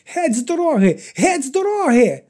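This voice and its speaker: A woman's voice: fairly low pitch, steady tone, fairly quick, mellow, no echo, clean studio sound, voice pushed up, close to an everyday voice. A man voicing a terrified young woman who pleads and screams to get away, in an audiobook reading. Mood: screaming.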